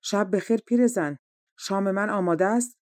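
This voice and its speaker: An angry young prince in a storybook tale loudly demands his dinner, read by a woman. The tone is mellow and warm, with a dry close sound. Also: mid-range voice, no room sound, close to an everyday voice. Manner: shouting demands.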